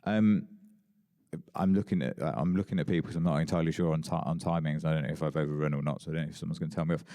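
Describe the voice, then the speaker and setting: A man's voice: very deep voice, fairly even intonation, racing, warm tone. A man chairing a conference panel, casual and chatty, self-deprecating, with many fillers. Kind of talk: moderating a panel. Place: conference hall.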